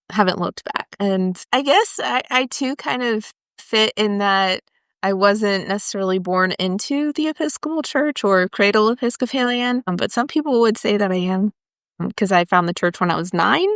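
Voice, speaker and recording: A woman's voice: medium pitch, animated, measured pace, smooth, no echo, clean studio sound. A young adult woman from Florida hosting a podcast, chatting enthusiastically and sharing her own story. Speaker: podcast host. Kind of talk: casual podcast chat.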